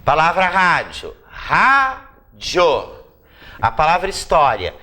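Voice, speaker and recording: A woman's voice: fairly low pitch, big pitch swings. A woman teaching a grammar lesson for exam prep, explaining step by step and stretching out key words for emphasis. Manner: drawn-out emphatic word-by-word explanations.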